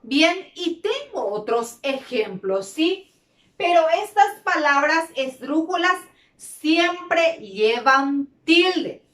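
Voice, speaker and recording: A woman's voice: high-pitched, expressive, drawn-out words, fairly bright tone. A woman teaching a grammar lesson to children, repeating key words and stretching words out. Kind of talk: slow, deliberate classroom lesson. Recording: roomy echo.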